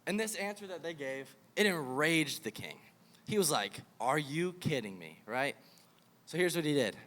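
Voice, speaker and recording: Young man, casual camp sermon, lively storytelling, higher voice, long hall reverb. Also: moderate pace. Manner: animated storytelling, acts out the king. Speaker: youth camp speaker.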